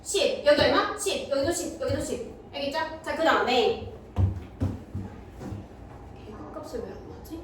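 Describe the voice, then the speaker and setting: A woman's voice: high-pitched, lively intonation. A woman teaching middle school math in a classroom, often stopping to check whether students follow. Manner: checks understanding with quick questions to students. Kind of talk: classroom lecture. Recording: very echoey room, mic far off, faint noise.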